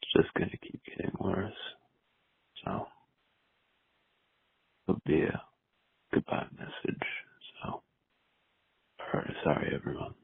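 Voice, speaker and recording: A man with an extremely deep, heavily gravelly and husky voice speaks slowly and quietly, stopping often between short phrases. He sounds close and dry, squeezed through a tinny phone line. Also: huge pitch swings. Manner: quiet, subdued and halting, with long pauses. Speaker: caller leaving a voice message. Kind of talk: halting spoken message.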